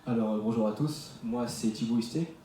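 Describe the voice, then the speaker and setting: French teen student presenter, mellow, distant and echoey. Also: male voice, medium pitch, fairly quick, a little hiss or hum. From France. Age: teens. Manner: explanatory, with fillers. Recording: echoey room from far off.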